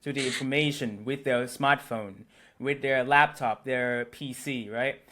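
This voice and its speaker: A young man from Thailand, a native Thai speaker, talking in a casual interview and pausing to search for words. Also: medium pitch, steady tone, pushed and bright. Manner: hesitant, searching for words with many fillers. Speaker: interview guest. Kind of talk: casual conversation.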